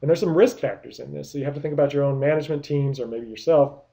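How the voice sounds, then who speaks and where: A man's voice: fairly high pitch, quick pace, gravelly, dark tone. A man giving a recorded business lecture, explaining step by step with many rhetorical questions and frequent restarts. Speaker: product management lecturer.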